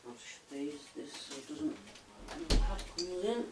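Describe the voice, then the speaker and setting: A woman's voice: lowish voice, lively intonation, unhurried, very noisy. A woman at home, coaxing and praising her pet bird in a sing-song baby-talk voice. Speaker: pet owner. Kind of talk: casual chat to a pet bird. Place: indoors at home.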